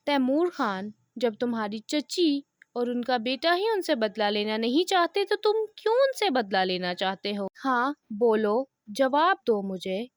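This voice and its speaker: A woman's voice: fairly high pitch, slow pace, no echo, studio quality. A woman reading the lines of a worried mother in an audio novel, speaking in an anxious, pleading way.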